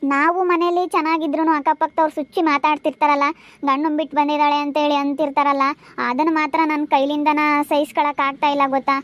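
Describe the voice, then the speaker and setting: A woman's voice: high voice, flat delivery, quick pace, dull audio, close to an everyday voice. A woman with a rural central Karnataka Kannada accent playing a grieving woman who left her husband, tearful and lamenting, in an amateur village drama. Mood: sorrowful.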